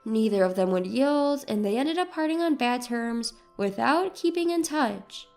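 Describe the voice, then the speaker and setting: Higher-voiced young woman narrating a story. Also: expressive, unhurried, darkish tone, faint music behind. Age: 20s.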